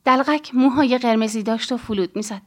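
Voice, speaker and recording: Calm woman reading an audiobook. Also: on the high side. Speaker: audiobook narrator. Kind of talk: first-person audiobook narration.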